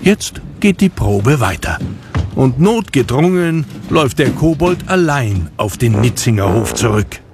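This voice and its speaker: A man's voice: mid-range voice, big pitch swings, measured pace. A man narrating a scripted children's story as the narrator. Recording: music behind the voice.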